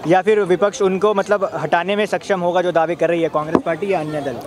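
Male street reporter, high-pitched, prodding, busy crowd behind. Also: fairly even intonation, fast talker. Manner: prodding, repeats answers back. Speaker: street interviewer. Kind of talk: probing vox-pop questions. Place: outdoors at a busy monument plaza.

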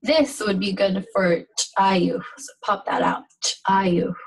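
A woman teaching a pronunciation lesson, speaking slowly and carefully and repeating each sound and word. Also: medium pitch, distant mic, low-quality recording. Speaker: language teacher.

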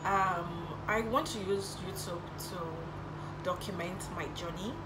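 Her mid-range voice is steady and a little slow as this young Nigerian YouTuber, a native Igbo speaker, chats through get-to-know-me questions with little laughs. Heavy background noise fills the recording, made indoors in her bedroom on a camera in front of her at desk distance.

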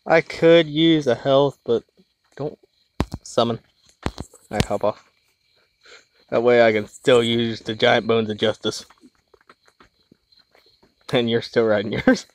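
Goofy excitable gaming host, man. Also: mid-range voice, slow, long pauses, a little hiss or hum. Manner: goofy, excitable, repetitive chanting and crude jokes. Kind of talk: casual co-op gameplay commentary.

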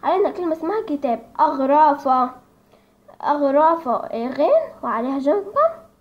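High-pitched woman, Egyptian accent, informal teaching, hesitant with fillers, dull lo-fi recording. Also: big pitch swings, fast talker. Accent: Egyptian Arabic. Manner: hesitant, with many fillers, addresses viewers as friends. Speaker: church lesson presenter.

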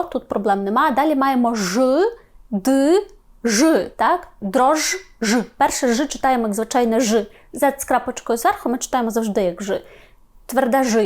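A woman with a fairly high voice teaches pronunciation in a patient, step-by-step way. She sounds out each sound slowly and keeps checking that her listeners follow along. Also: darkish tone. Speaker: Polish language teacher. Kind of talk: explaining pronunciation to learners.

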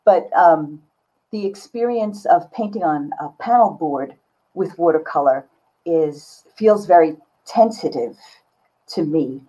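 An older woman artist, a guest on a video-call interview, talks candidly and casually in a low, warm voice that is slow yet animated. It's relaxed, reflective interview talk from a book-lined home studio indoors, and the video-call audio sounds slightly dull.

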